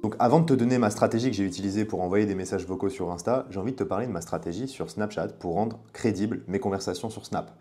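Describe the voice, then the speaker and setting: A man's voice: on the low side, fast, few pauses, dark tone. A man giving a casual, chatty tutorial as a coach, speaking directly to the viewer. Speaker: online business coach.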